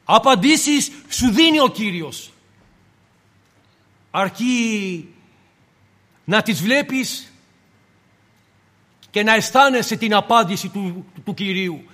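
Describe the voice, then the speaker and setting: A man delivers an impassioned sermon in a high-pitched voice. He piles up rhetorical questions and takes on the voices of both the Lord and the believer. His words ring out with a long reverb in a church hall. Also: animated, long pauses, a bit bright. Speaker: preacher.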